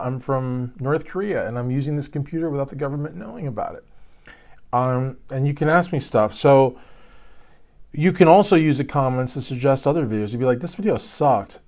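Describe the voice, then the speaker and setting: A man's voice: medium pitch, a little mellow. A man from Kentucky hosting a YouTube channel, giving casual commentary with rambling, joking asides. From Louisville, Kentucky.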